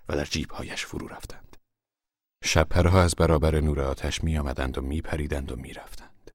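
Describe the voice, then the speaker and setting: A male narrator with an extremely deep voice reads a literary drama in a measured, solemn way. The recording is dry and close, with no room sound. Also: no echo.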